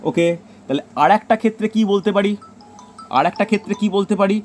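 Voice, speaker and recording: A man's voice: high-pitched, fast, a little mellow, faint music behind. A man with a Bengali accent teaching a grammar lesson, repeating his points and telling students to write them down.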